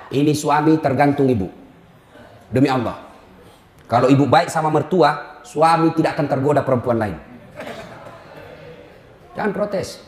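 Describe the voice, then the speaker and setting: A man preaching a humorous sermon, teasing the audience with sudden shouts. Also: high voice. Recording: roomy hall, faint ambience.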